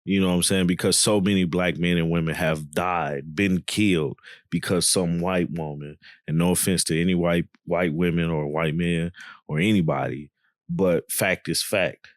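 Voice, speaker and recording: Deep-voiced man in casual podcast talk. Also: fairly even intonation, normal speed, no echo, clean studio sound. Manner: conversational, repeats "you know what I'm saying". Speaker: podcast co-host. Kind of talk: casual reality TV recap chat.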